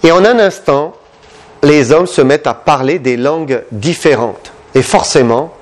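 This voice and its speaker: A man preaching a sermon in French, impassioned and addressing the congregation with questions. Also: measured pace. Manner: impassioned, questioning the listeners, big pitch swings.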